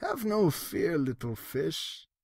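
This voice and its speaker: A man's voice: on the high side, huge pitch swings, slow pace, a little mellow, dry recording, studio quality, exaggerated voice. A man voicing a sly, sinister trickster cat in a storybook, falsely reassuring, with theatrical rhyming talk. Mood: coaxing, playful. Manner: smooth-talking, theatrical, rhyming.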